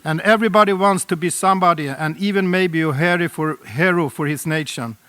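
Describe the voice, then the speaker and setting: A man's voice: fairly high pitch, a bit bright. Earnest middle-aged Swedish-accented man. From Sweden. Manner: earnest, deliberate, reading from notes with small slips. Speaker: speaker at a UN roundtable. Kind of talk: prepared formal address.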